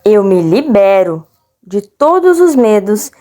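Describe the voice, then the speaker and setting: A woman with a Brazilian accent leading a guided relaxation with affirmations in a soothing, deliberate manner. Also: mid-range voice, very animated, dark tone. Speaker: guided meditation instructor.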